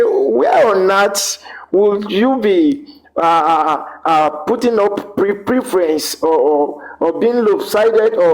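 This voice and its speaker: A man's voice: high voice, darkish tone, rough recording. Nigerian man on glitching call audio. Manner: halting, with many drawn-out fillers. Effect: glitching, cutting-out online call audio. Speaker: panelist. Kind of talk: online panel discussion. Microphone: online video call.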